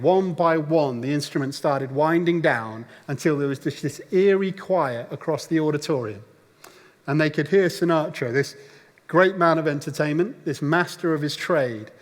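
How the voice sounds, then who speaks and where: A man preaching a sermon, telling a story and now and then acting out the voices of people in it. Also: fairly high pitch. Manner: storytelling, acts out voices of the crowd. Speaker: pastor. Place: church auditorium. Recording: long church hall reverb.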